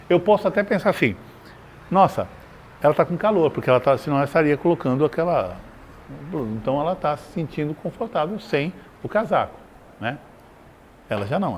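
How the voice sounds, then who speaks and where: A man, a psychologist, giving a conversational live talk to a small group, acting out examples as he explains. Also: a little hiss or hum. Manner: animated, conversational, acts out examples with swings in pitch. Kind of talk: live lecture to a small audience. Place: community meeting room.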